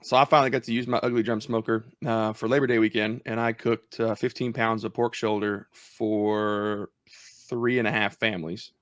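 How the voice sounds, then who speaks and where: A man's voice: fairly low pitch, level tone, normal speed, a bit bright, no room sound, clean studio sound. A man hosting a church podcast, chatting casually and with enthusiasm. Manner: laid-back, chatty, enthusiastic about food. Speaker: podcast host.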